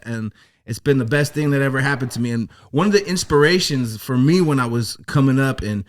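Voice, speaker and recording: A man's voice: medium pitch, fairly bright tone. A man hosting a podcast interview, talking eagerly with lots of restarts and fillers. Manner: enthusiastic, many restarts. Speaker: podcast host. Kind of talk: casual interview.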